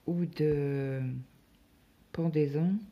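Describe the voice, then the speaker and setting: A woman's voice: sits low, fairly even intonation, very slow, dull audio. A woman from France chatting casually on her craft vlog, rambling through everyday stories with lots of fillers while getting over a stomach bug. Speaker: cross-stitch vlogger. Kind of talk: casual chat.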